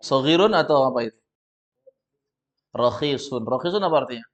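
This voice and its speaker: A man with an Indonesian accent teaching a classroom lesson, patiently correcting students step by step and reading sentences out slowly. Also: mid-range voice, lively intonation. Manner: reads sentences out slowly and loudly. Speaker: Arabic teacher. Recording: dull lo-fi recording.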